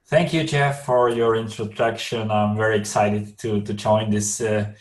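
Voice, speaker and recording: A man's voice: fairly low pitch, level tone, a little slow, reverberant, recorded from a distance. A man from Austria with an Austrian accent, speaking carefully and with many restarts as a guest on a video call interview. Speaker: guest, clinical research director.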